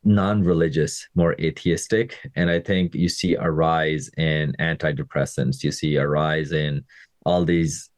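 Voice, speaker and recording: Deep-voiced male fitness coach, dry sound. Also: steady tone, unhurried, no room sound. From Pakistan. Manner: conversational, often checks in with listeners. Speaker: fitness coach and podcast host. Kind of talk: casual motivational podcast monologue.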